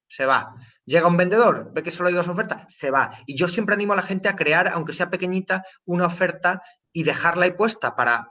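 Bright-voiced man, a bit off mic. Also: on the high side, far from the mic. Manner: thinks aloud with frequent restarts and repetitions. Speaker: guest explaining a trading platform. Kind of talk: casual explanatory talk.

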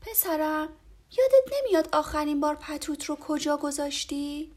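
A woman's voice: sits high, lively intonation, a little mellow, pitched above the performer's own voice. A woman voicing a caring mother turtle in a storybook, coaxing and soothing.

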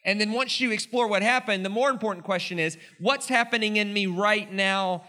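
A man preaching a teaching sermon in an animated way, repeating phrases for emphasis and prompting his listeners. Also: high voice, a little fast.

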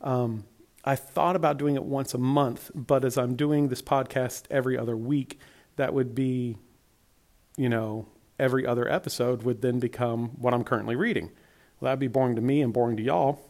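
A solo podcast host from Alabama, Southern accent intact, rambles pleasantly at normal speed with a medium-pitched, darkish voice and fairly even intonation. He sounds tired, his voice worn by a long week.

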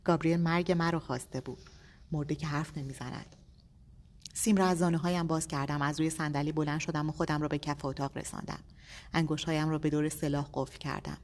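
A woman reads a novel aloud in a measured, steady voice. Her pitch sits low, and a long reverb trails each line. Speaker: narrator. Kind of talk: audiobook narration.

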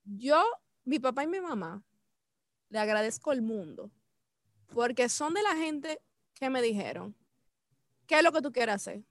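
A woman's voice: on the high side, a little slow, long pauses, no echo, studio quality. A woman with a Dominican Spanish accent chatting casually and affectionately, acting out dialogue and dropping English into her Spanish. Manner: mixes English into Spanish (Spanglish); animated, acts out quoted dialogue, affectionate address. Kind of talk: casual chat.

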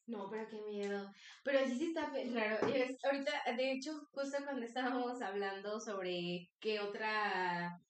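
A young Mexican woman with a high voice tells a story animatedly on a casual podcast. She acts out the voices as she goes. The sound is roomy and picked up from a distance. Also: moderate pace. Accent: Mexican Spanish. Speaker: podcast co-host.

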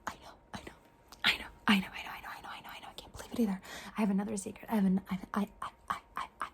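A woman's voice: mid-range voice, level tone, very fast, gravelly, close to an everyday voice. A woman voicing a playful, curious alien visitor in an ASMR roleplay, whispering and repeating trigger words over and over. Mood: whispery playful.

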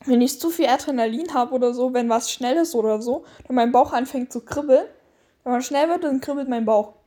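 A woman's voice: high-pitched, a little fast, mellow. A woman in casual chat with a friend, eager and gushing, sometimes stumbling over words. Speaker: co-host.

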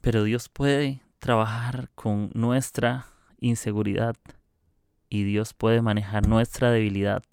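A man's voice: on the low side, vocal fry, darkish tone, clean tone, no echo, clean studio sound. A man preaching a casual devotional talk, conversational and playful, acting out bits of dialogue as he goes. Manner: conversational, acts out dialogue in quotes; playful, jokes about church habits.

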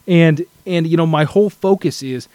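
A man's voice: a little high, moderate pace, a little mellow, dry recording. Earnest man reflecting on scripture. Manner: earnest, reflective, frequent restarts. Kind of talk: casual scripture study chat.

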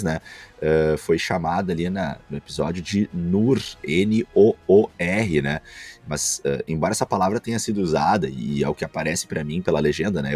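A man's voice: deep voice, darkish tone, slightly rough. A Brazilian man co-hosting a casual pop-culture podcast, thinking aloud and often checking in with his co-host.

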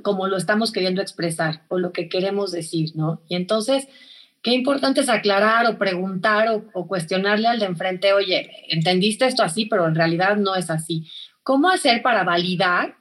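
A woman's voice: medium pitch, normal speed, fairly bright tone. A woman interviewing a guest, listening attentively with frequent affirmations and asking reflective questions. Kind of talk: conversational interview.

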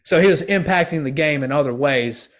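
A man's voice: a little high, fairly quick, fairly bright tone. A young adult man hosting a casual sports podcast, rambling with lots of fillers and slang. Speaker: podcast host.

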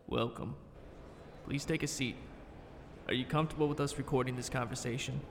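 A man voicing a calm male investigator who questions a witness formally and in a measured way, in an audio horror story. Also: medium pitch, background noise, lightly acted.

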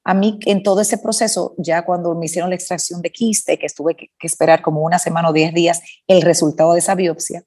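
A woman's voice: on the low side, fairly even intonation, fast talker, few pauses, darkish tone, breathy edge. A middle-aged woman co-hosting a podcast, telling a heartfelt, rambling personal story of faith from her bedroom at home and correcting herself as she goes. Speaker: podcast co-host. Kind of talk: casual faith testimony.

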